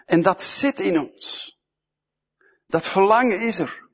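A man's voice: sits high, lively intonation, slow pace, fairly bright tone, breathy edge. A man preaching a sermon, emphatic and fond of repeating short phrases, in a church hall, with a dull, echoey sound.

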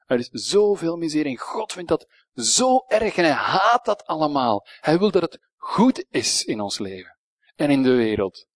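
A man with a Flemish accent preaching a sermon, swinging between hushed, quiet passages and emphatic, raised lines. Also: a little high, big pitch swings, moderate pace, no echo.

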